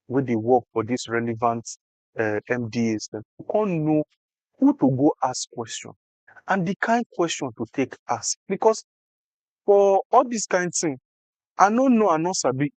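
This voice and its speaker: A man's voice: fairly high pitch, a little mellow, dry recording, lo-fi sound. Emphatic Nigerian man speaking Pidgin. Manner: emphatic, repeats phrases for effect. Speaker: interview guest explaining health insurance. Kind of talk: animated conversational explanation in Nigerian Pidgin.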